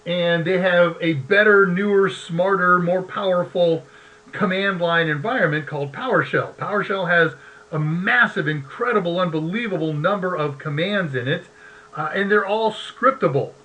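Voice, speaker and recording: A man's voice: high-pitched, normal speed, bright, forceful tone, poor audio. A man hosting a live tech show, chatty and easygoing, who laughs often and reads short verses aloud. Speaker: host.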